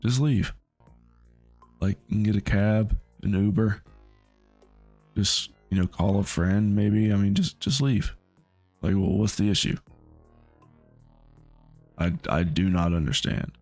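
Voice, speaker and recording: A man's voice: lowish voice, a little mellow, no room sound, faint music behind. A man hosting a reaction video, talking back at a clip in disbelief, often stopping and restarting his sentences. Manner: incredulous, halting with restarts. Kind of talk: reaction commentary.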